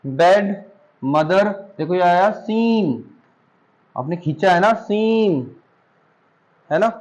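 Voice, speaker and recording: Patient male teacher, slightly high voice. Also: lively intonation, rough recording. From India. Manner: patient, drawn-out example words, calls students "beta". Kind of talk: spoken English class for students.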